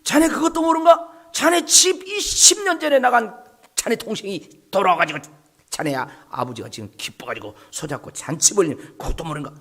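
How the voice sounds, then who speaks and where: A man playing a chatty village man who calls out loudly to a neighbor. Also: high voice, lively intonation, brisk, gravelly, voice pushed up, full character voice. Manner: loud, chatty, rural.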